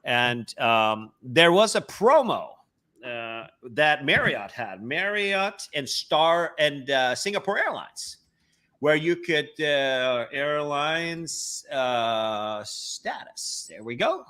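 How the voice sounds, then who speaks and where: A man's voice: fairly high pitch, very animated, takes it slowly, sharp tone, clear, resonant tone. A man from Norway with a Norwegian accent, hosting a casual travel webcast with many hesitations and fillers. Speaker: host.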